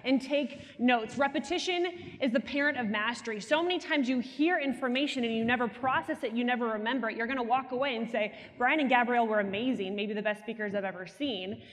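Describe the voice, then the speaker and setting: A young woman giving an animated, teasing motivational keynote on a conference stage through a headset mic. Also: a little high, fast talker, few pauses. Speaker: keynote speaker. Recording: hall reverb from a conference stage.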